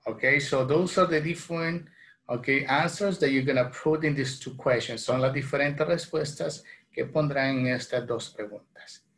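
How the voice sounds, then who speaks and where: Salvadoran man teaching English slowly. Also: mid-range voice, a bit bright. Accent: Salvadoran Spanish. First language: Spanish. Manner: repeats phrases slowly, then translates into Spanish. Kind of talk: bilingual online lesson. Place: small home room, indoors.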